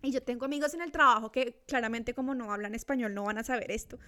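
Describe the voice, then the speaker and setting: Her voice fairly high and sharp, the Australian woman in her thirties talks quickly in a casual, reflective chat full of restarts.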